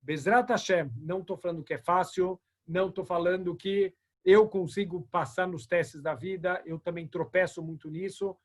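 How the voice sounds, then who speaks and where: A rabbi teaching a lesson over a video call, with a fairly high voice for a man. He tells stories with animation and slips into the characters' lines. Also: moderate pace. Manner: animated storyteller, acting out dialogue. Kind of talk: religious ethics lesson with storytelling.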